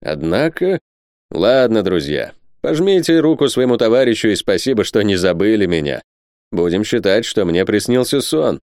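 A man voicing an excitable male French army captain in a storybook reading, exclaiming with animated delivery. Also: on the low side, moderate pace, dry recording, clean studio sound. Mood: rueful.

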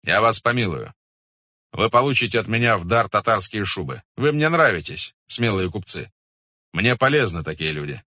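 A man doing a proud khan in an audiobook, speaking slowly and grandly with a deep, low voice. The sound is close and dry. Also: expressive, bright, forceful tone, no echo. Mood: lordly. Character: haughty, amused young male Mongol khan. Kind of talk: audiobook character voice.

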